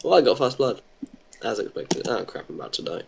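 A man's voice: mid-range voice, sing-song, fairly quick, vocal fry, highs cut off, noisy background. A young man co-hosting a gaming video, goofy and playful, reacting to the game as he plays. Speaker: gaming channel co-host. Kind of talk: casual gameplay chat.

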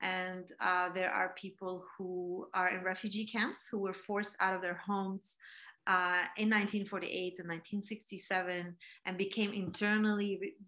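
A woman in her forties from Palestine gives a reflective online talk as a guest speaker, her lowish, fairly flat voice moving at a moderate pace with a sharp edge. She uses many fillers and restarts. The rough recording comes through a laptop webcam on a video call from a room in her home.

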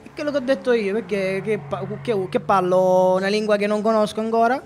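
A man's voice: sits high, steady tone, a little fast, soft background music. Playful Sicilian man streaming a game. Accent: Sicilian Italian. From Catania, Sicily. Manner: playful, joking, talks to chat. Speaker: gaming streamer. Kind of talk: live gameplay commentary.

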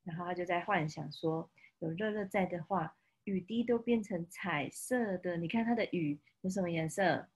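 A woman with a Taiwanese Mandarin accent reading a picture book to a toddler, playful and expressive, pausing to ask the child questions. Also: lowish voice, slightly rough. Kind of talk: interactive read-aloud storytelling to a toddler. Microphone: video call.

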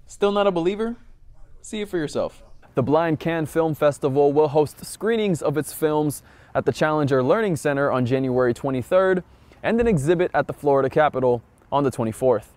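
A man reporting a local news story with a measured, polished delivery. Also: on the high side, lively intonation, darkish tone, no echo.

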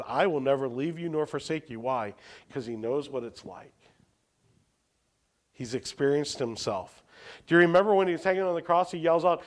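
A man preaching a sermon as a pastor, posing rhetorical questions and swinging between emphatic lines and hushed ones. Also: a little high.

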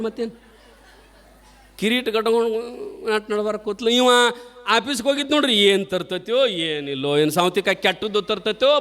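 A man's voice: very high voice, a bit bright, long reverb tail. A man with a North Karnataka accent giving a humorous spiritual sermon, telling a story with repetition and rhetorical questions to the audience. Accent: North Karnataka Kannada. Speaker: preacher.

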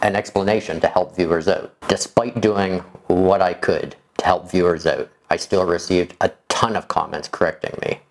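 A man in his forties speaking in a measured, explanatory way to camera, as a video creator, in a room indoors. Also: low voice, steady tone. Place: small furnished room indoors.

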